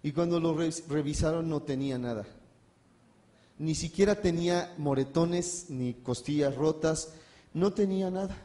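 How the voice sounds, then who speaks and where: A man's voice: fairly high pitch, normal speed, dark tone. A man preaching a sermon, telling personal stories in a conversational way and speaking straight to the congregation. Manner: conversational storytelling, addresses the congregation directly. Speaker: pastor.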